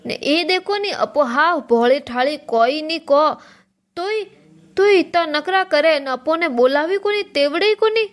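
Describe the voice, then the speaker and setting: A woman's voice: sits high, lively intonation, measured pace. A woman voicing a gossiping older mother-in-law in a cartoon comedy, speaking with a Marwari accent and complaining about her family. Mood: gossipy. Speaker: cartoon character.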